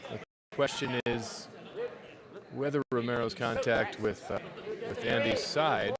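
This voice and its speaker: A man's voice: mid-range voice, measured pace. A man giving casual live sports commentary, informally thinking aloud as he keeps track of the score. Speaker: livestream commentator. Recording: busy crowd noise, urban sports venue. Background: crowd at a tournament.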